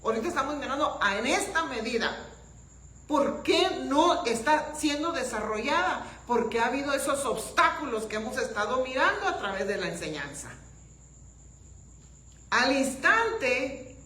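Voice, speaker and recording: A woman pastor preaching a sermon, asking her congregation questions and breaking into shouts. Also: high-pitched, lively intonation, measured pace. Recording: roomy echo.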